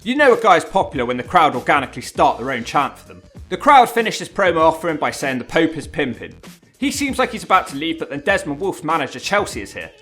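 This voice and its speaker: A man narrates a countdown video with a bright, fairly high voice and very lively intonation. He is wry and informal, with music playing underneath. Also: fast. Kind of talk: scripted video narration commentary. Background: background music.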